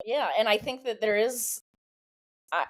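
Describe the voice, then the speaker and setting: A woman from Southern California, a podcast guest, telling her personal story in a thoughtful, candid way with halting pauses and many fillers. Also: a little high.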